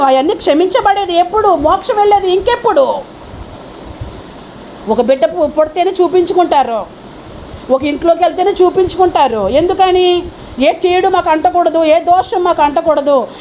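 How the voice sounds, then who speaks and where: A woman's voice: very high-pitched, darkish tone, slight background noise. A woman pastor preaching a fervent sermon and firing questions at the congregation. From India.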